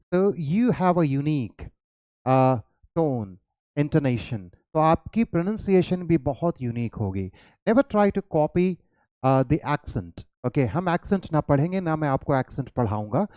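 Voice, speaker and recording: An Indian man with a warm, higher-pitched voice teaches an English lesson, recorded cleanly in a studio with no echo. Blending Hindi and English, he quizzes his students with coaxing questions and calls them "child."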